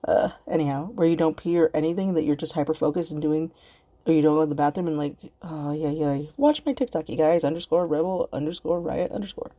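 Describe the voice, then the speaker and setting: A woman's voice: low-pitched, fast, warm tone. A woman hosting her own podcast, talking alone in a rambling, heated way, swearing often and getting worked up. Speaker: podcast host. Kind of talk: casual emotional monologue.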